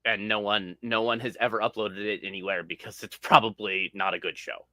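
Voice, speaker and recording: A man's voice: fairly low pitch, steady tone, fairly quick, pushed and bright, no echo. A man co-hosting a casual podcast chat, laid-back and wry, often trailing off.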